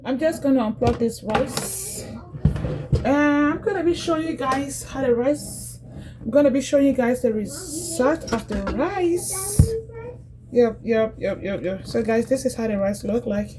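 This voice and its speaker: A woman's voice: high voice, expressive, a little slow, noisy background. A woman from Liberia, casually demonstrating cooking in a home kitchen and chatting directly to her viewers, often repeating herself. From Liberia, West Africa. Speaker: cooking vlogger.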